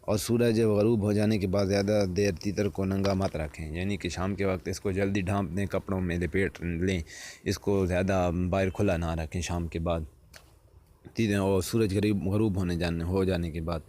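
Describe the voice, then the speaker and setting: A man's voice: deep voice, little pitch movement, mellow. A man giving spoken instructional advice on keeping partridges, often repeating and rephrasing his points and calling viewers friends.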